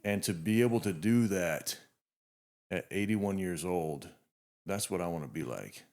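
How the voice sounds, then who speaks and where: Hosting a podcast, a man of fifty introduces his guest with heartfelt, reflective earnestness, restarting himself frequently. He has a low, slightly mellow voice that is animated yet measured in pace.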